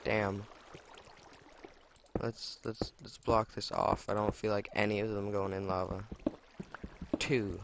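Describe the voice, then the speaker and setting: A young man with a lowish voice talks through his gameplay in a loose, chatty way. He swears and exclaims freely at every find and mishap. A faint hiss sits under his desk mic. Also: level tone, slow pace, gravelly, pauses often. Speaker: let's play gamer. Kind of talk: casual gameplay commentary.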